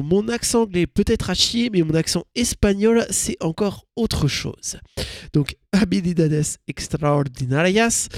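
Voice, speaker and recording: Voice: mid-range voice, creaky, darkish tone, no echo, clean studio sound. A radio host wrapping up a show in a chatty, self-mocking way, with playful asides. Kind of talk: casual radio show outro.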